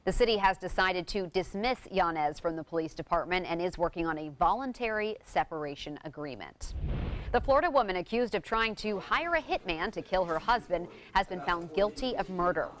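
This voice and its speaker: A woman's voice: lowish voice, expressive, brisk. A woman reading scripted news as a television anchor. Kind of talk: scripted newscast narration. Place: TV news studio.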